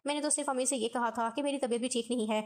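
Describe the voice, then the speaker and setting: A woman's voice: sits high, steady tone, lightly acted. A woman voicing a frightened, worn-out young wife who pleads in a tearful, trembling way in a storybook tale. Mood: pleading.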